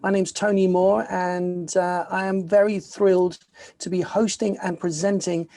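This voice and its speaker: A man's voice: sits high, flat delivery, a little slow, warm tone. A man hosting a virtual festival, introducing the next guest in an upbeat way with frequent ums and uhs. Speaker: festival host.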